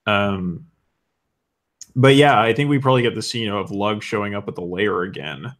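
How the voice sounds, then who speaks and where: A man running a tabletop game as game master, relaxed and hesitant, with many fillers. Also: on the low side, moderate pace.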